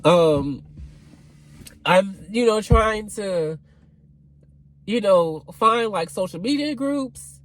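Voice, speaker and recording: Animated young man ranting to camera. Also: high-pitched, very slow, pauses often, poor audio. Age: 20s. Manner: animated and expressive, swearing freely, rambling with fillers. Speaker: vlogger. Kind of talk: casual venting rant to camera.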